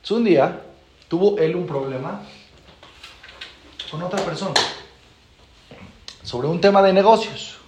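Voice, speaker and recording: A man's voice: measured pace, long pauses, echoey room, noisy background. A man, a rabbi teaching a class, telling stories and acting out the dialogue. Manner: animated, acts out dialogue with shifting pitch. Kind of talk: storytelling lesson.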